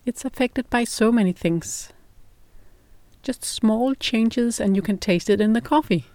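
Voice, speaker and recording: A middle-aged Danish woman hosts a podcast in English, which she speaks as a non-native speaker with a Danish accent. Her narration is scripted, calm, and measured, and her voice sits on the high side.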